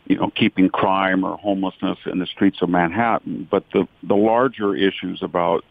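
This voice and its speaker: Opinionated male pundit, deep and gravelly, calling in over a tinny phone. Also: fairly even intonation, normal speed, dry recording. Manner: long-winded, emphatic, opinionated. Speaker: political commentator. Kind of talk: remote radio interview answer. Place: speaking from central California. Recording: dry tinny phone line.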